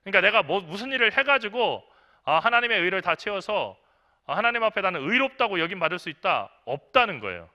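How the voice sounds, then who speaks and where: A man's voice: high-pitched, big pitch swings, fairly quick, bright, forceful tone, muffled recording. A middle-aged man, a senior pastor, preaching a sermon in a conversational way, asking the congregation questions and acting out quotes. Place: church.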